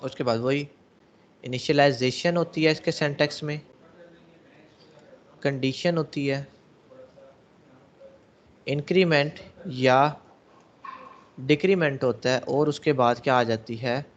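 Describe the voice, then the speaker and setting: A man teaching a class at a middle pitch, working through each step and putting questions to his students before he answers them himself. The recording sounds dull and lo-fi. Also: fairly even intonation, slow, pauses often. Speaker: programming teacher. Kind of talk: classroom lecture.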